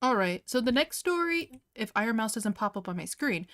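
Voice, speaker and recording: High-voiced giggly young woman streamer. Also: brisk. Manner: giggly, laughs often, heavy use of "like"; animated, reacting in disbelief. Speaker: art streamer. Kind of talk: casual livestream chat while drawing.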